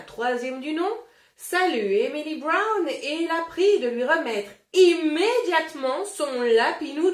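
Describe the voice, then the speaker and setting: A woman's voice: high-pitched, roomy sound. A woman reading as a stiff formal general. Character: stiff formal army general delivering a royal demand.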